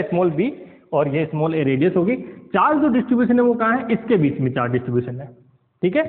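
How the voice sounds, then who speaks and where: A man teaching physics in a classroom lecture, often asking his students questions and mixing English terms into his talk. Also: high voice. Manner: keeps asking the class questions, checks understanding; mixes English science terms into Hindi. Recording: tinny lo-fi sound with long reverb.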